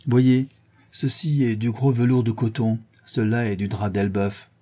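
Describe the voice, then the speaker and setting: A man playing a bitter young peasant hunter in an audiobook, low and sombre. His voice is dark and husky with a brooding edge. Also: level tone, measured pace, close to an everyday voice.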